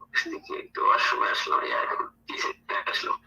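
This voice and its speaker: A man calling from an office washroom, talking haltingly as his phone line cuts in and out. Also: bright, forceful tone. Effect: choppy phone line cutting in and out. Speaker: caller. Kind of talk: phone debate.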